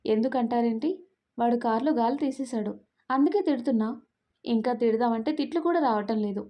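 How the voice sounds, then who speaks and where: A woman's voice: a little high, brisk, mellow, natural voice. A woman voicing a feisty young woman who scolds and curses sharply, in a storybook reading.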